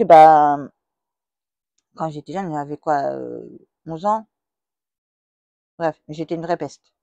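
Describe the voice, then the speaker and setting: A woman's voice: fairly low pitch, warm tone, no room sound, dull audio. A middle-aged woman talking straight to her subscribers in a casual vlog. She is blunt and chatty, and she keeps saying "voilà". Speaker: vlogger. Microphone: plugged-in microphone that makes her sound loud.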